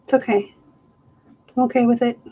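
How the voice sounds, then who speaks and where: This fluid art livestream host speaks at a moderate pace with a mellow, steady voice on the high side, captured in lo-fi sound. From her art studio, with the camera mounted over the table, she chats casually, teases herself, and laughs often.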